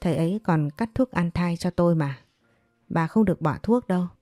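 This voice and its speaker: A woman's voice: fairly low pitch, brisk, dark tone, no echo, studio quality, soft background music, natural voice. A woman voicing a scheming second wife who speaks in a sugary, coaxing way. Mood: sweetly scheming.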